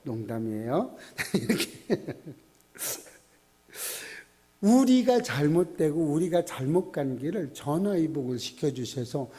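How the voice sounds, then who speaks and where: A man's voice: a little high, sing-song, slow, warm tone. A middle-aged man, a pastor, preaching at a Friday prayer meeting in a folksy way with joking asides.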